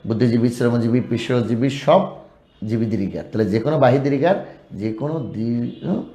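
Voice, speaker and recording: A man's voice: mid-range voice, brisk, dark tone, echoey room. A man teaching a spelling lesson, reading out word lists in a rising sing-song and explaining the rules, with a Bangladeshi Bengali accent.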